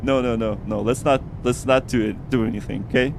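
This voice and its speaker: A man's voice: medium pitch, fairly even intonation, fairly quick, creaky. Man chatting casually over cockpit noise. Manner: repeats words and phrases often. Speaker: livestream host. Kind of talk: casual flight-sim livestream chat.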